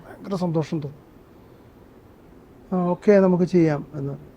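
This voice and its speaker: Male guest, earnest storyteller, higher voice, muffled lo-fi sound. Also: fairly even intonation, moderate pace, warm tone, slight background noise. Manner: earnest storytelling, breaks into song. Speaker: interview guest, actor and singer. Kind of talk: conversational interview with sung excerpts.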